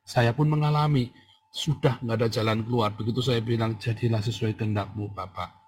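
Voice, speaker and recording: Blunt, scolding preacher man with a husky voice. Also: mid-range voice. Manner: blunt and scolding, with slangy asides and sudden loud bursts. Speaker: pastor. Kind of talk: sermon.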